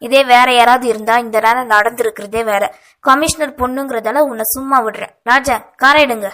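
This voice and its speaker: A woman's voice: on the high side, steady tone, brisk, a bit bright, natural voice. Arrogant young cop, curt and commanding, as a woman narrator reads him. Storybook audio novel. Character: curt, arrogant young male police officer.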